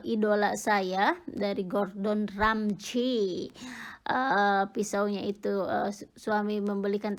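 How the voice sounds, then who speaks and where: A middle-aged woman from Indonesia chatting casually with lots of fillers and giggles while cooking in her home kitchen for her vlog. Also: medium pitch. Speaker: cooking vlogger.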